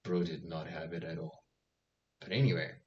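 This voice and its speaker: A young man telling a casual anecdote, animated, acting out the voices of the people in it and swearing freely. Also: deep voice, moderate pace, muffled recording. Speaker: storyteller.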